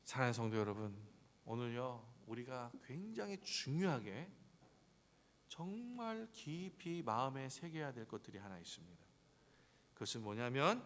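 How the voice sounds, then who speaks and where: A man preaches a sermon in a church sanctuary, acting out dialogue and climbing to loud emphasis. His pitch swings widely, and the voice carries a long reverb from the hall. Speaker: pastor.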